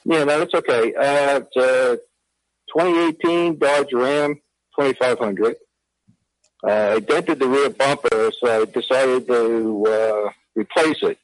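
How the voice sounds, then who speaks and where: A radio show caller from New Jersey, a man heard over the phone line. He speaks at a middle pitch in a halting way, with frequent pauses and "uh"s. The sound is dry, with no room echo. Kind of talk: casual question to hosts.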